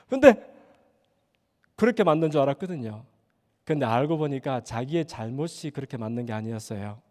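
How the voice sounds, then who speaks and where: A man's voice: medium pitch, lively intonation, moderate pace, long pauses, a little mellow. A male pastor telling a story in a sermon in a church sanctuary, acting out the voices as he goes. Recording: church hall reverb.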